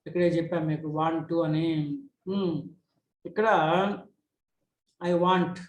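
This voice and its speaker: A middle-aged man who speaks Telugu as his first language teaches English grammar. He reads English examples slowly, then explains them quickly. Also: on the high side, little pitch movement. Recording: echoey room.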